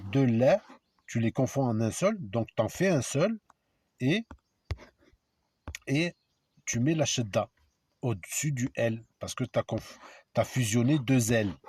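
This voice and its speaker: A man with a slightly husky voice talks his viewers through a lesson at an unhurried pace. His pitch swings widely as he stresses points and spells out sounds one at a time. He addresses the audience directly, with an emphatic, provoking edge. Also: a little mellow. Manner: spells out letters and sounds slowly. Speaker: video lecturer. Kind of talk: informal explanatory monologue to viewers.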